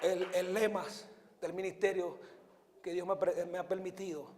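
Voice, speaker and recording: A high-pitched man preaches with fervor, leading a congregation in repetitive prayer and swinging from hushed tones to full shouts. His voice rings through a large church hall with a long, echoing reverb. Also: little pitch movement, normal speed, over a noisy crowd, heavy background noise. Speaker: evangelist. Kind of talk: sermon and altar prayer.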